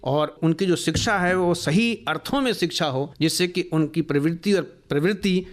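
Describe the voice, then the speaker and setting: In a radio studio interview, a man with a slightly high voice talks earnestly about education at a normal pace. His manner is explanatory as he lists ideas at length and builds long lists of values.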